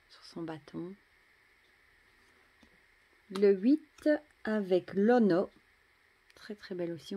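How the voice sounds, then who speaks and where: A French woman casually showing and admiring tarot cards, chatty, often dropping to a soft murmur. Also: lowish voice. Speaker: tarot deck reviewer. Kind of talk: casual show-and-tell.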